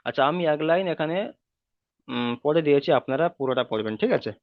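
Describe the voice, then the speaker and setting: A man's voice: mid-range voice, expressive, fast, no room sound. A man teaching Quran reading in an online class, repeating each rule patiently and drawing out the vowel sounds. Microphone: video call. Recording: tinny call audio, dry.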